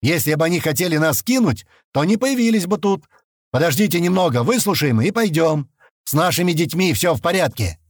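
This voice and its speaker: Brief: man voicing a gruff burly axeman, blunt and commanding, pitched a bit higher, dry audiobook sound. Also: expressive, fairly quick, no echo.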